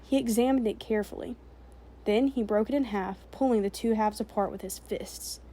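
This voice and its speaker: Female narrator, mellow and warm, steady measured read of a book chapter. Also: fairly high pitch. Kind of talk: reading a novel chapter aloud.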